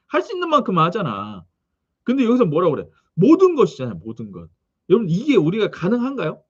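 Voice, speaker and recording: During his sermon, a high-pitched pastor animatedly reads scripture, lays out its background, and frequently questions the congregation. The audio comes across dull.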